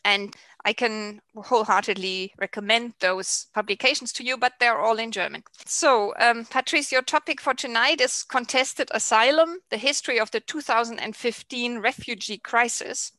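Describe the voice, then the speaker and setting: A woman chairing a seminar, introducing the guest speaker in a warm, slightly halting way. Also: fairly high pitch, no room sound.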